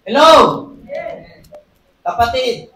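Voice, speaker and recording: A preacher giving an emphatic sermon, at times shouting and often asking the congregation "Hello?". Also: high voice, extremely slow. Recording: echoey hall, distant mic, faint hum.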